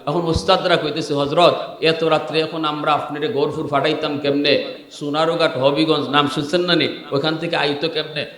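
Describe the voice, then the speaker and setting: A male preacher with a Sylheti-flavoured Bengali accent, his fairly high voice swinging between easy storytelling and ringing, sung-out peaks. The sound booms through a large hall with a long, rolling echo. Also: flat delivery, moderate pace. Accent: Sylheti-influenced Bengali. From Bangladesh. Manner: storytelling, rising into loud chanting peaks. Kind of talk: sermon. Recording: echoey hall with long reverb.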